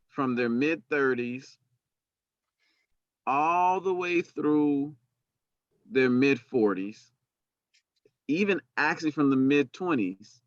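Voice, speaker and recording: A man's voice: mid-range voice, a bit bright, no echo. A middle-aged man moderating a panel over a video call, earnest and repeating words as he builds his point. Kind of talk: panel discussion. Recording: dry, dull video call audio.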